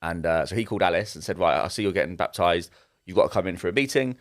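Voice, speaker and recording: Young male podcast co-host, rapid rambling storyteller. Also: low-pitched. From England. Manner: rambling anecdote with many restarts. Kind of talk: casual chat.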